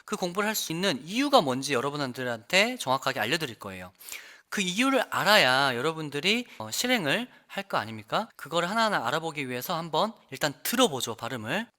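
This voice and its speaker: Lively bright-voiced male English teacher. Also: on the high side, brisk, few pauses. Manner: lively, demonstrates sounds by repeating words. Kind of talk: online lesson explaining pronunciation.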